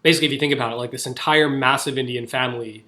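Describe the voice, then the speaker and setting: Speaking very fast in a steady, sharp-toned medium voice, the young American podcast co-host keeps things casual. Fillers and restarts crowd his chatty delivery.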